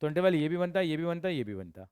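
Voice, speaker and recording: Man, tutor, explaining step by step, smooth voice, dry close sound. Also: on the high side, very animated, a little mellow, dry recording. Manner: explains step by step with quick questions to students. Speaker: accounts and maths tutor. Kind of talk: classroom teaching.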